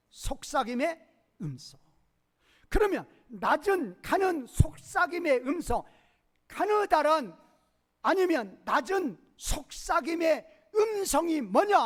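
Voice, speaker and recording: A male pastor preaching a sermon, quizzing the congregation with repeated questions and swinging between loud emphasis and quiet low asides.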